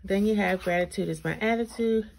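A woman with a mid-range, creaky and slightly mellow voice talks fairly quickly, though the audio is poor, with noticeable background noise and clicks. She's a video host reviewing planners, her braces slightly impeding her speech as she chats casually, thinks aloud and reads items out. The camera looks down on her hands at an indoor tabletop.

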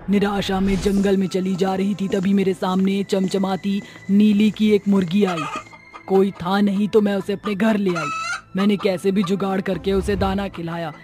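A woman voicing a vengeful female witch in a cartoon, with a shrill, wailing, cackling delivery. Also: mellow, close to an everyday voice. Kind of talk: Hindi cartoon voice acting.

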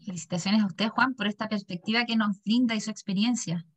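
A woman's voice: mid-range voice, brisk, husky. Chatty Chilean woman moderating a call. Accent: Chilean Spanish. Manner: lively, chatty, reads chat comments aloud. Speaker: session moderator. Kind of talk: warm moderating of a video call. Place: small bright office indoors. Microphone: laptop webcam mic on a video call.

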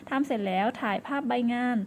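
Patient woman teacher, slightly high voice. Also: a little hiss or hum. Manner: patient, slow, syllable-by-syllable counting. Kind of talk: classroom lesson for children.

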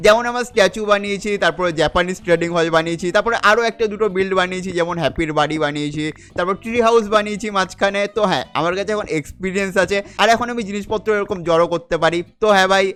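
Fast, high-voiced young man gaming. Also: fairly bright tone, smooth. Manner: chatty, keeps calling the viewer "brother", mixes in English words. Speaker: gaming channel host. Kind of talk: casual gameplay commentary.

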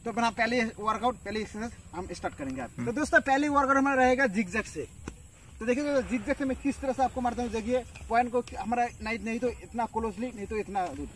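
Out in a farm field, a man in his twenties who works as a fitness instructor lifts through a home workout, calling out rep counts with plenty of fillers. His voice is very high, lively, fast, and a little bright. A far-off camera captures it outdoors, with faint noise.

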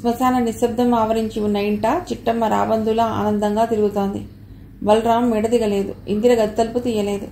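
A woman reading a novel aloud as an audiobook narrator, with a steady storytelling manner. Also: fairly high pitch, normal speed. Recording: echoey room with faint noise.

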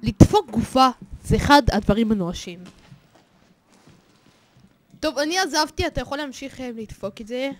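A man hosting a horror game let's play, excitable and jokey, swearing often and yelling at the scares. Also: very high-pitched, pauses often. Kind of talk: gaming commentary.

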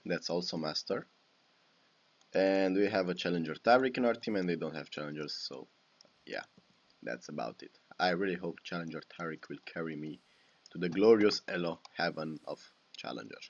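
Commenting over his own gameplay from a small room at home, a young Romanian-accented gaming YouTuber swears and exclaims at misplays. He has a low voice, and the sound is lo-fi.

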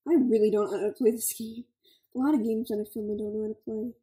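Chatty woman with a dark, mellow tone. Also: fairly high pitch, steady tone, quick pace, echoey room, poor audio. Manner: chatty, scattered, fillers like "like" and "okay". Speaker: gaming channel host. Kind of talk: casual gameplay commentary.

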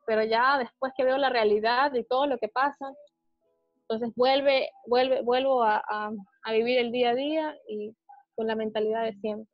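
A woman's voice: on the high side, steady tone, no room sound, soft background music. Hesitant woman on a dull lo-fi line. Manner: hesitant, halting, many restarts and fillers. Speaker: interviewee describing her panic attacks. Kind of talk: personal testimony in a conversation.

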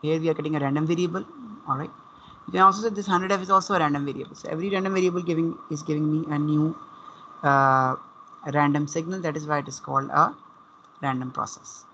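A man's voice: on the high side, fairly even intonation, fast talker, bright, forceful tone, a little hiss or hum. A man with a Pakistani accent explaining as a university lecturer in an online class, repeating and rephrasing as he goes. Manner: repeats and rephrases, switches between English and Urdu. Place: online class over a computer connection. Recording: dull, compressed online call audio.

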